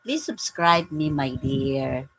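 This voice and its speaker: A woman's voice: low-pitched, expressive, takes it slowly, background noise. A Filipino woman in her forties hosting a casual live-stream vlog, greeting her viewers with a repeated "my dear, my friend". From Philippines. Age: 40s.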